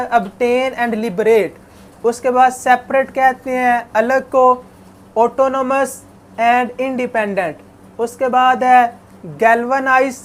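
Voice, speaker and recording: High-voiced woman teacher, slow and even. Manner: slow, careful reading of English phrases, then explains in Urdu; asks and answers her own questions. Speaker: English teacher. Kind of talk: classroom lecture, translating English to Urdu. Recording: faint background noise.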